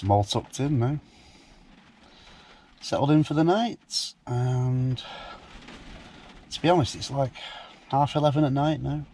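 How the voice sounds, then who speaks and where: An easygoing British man talks to his viewers from inside a parked camper van. His voice sits at a medium pitch, with casual, informal phrasing. Faint noise of rain on the roof runs behind him. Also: a little slow, pauses often, mellow. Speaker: vlogger. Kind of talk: casual chat to camera. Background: rain on the van roof, background noise.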